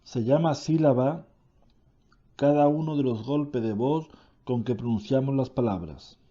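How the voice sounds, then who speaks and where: A man reading a grammar lesson aloud, slowly and deliberately, correcting himself now and then. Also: medium pitch, warm tone, muffled recording.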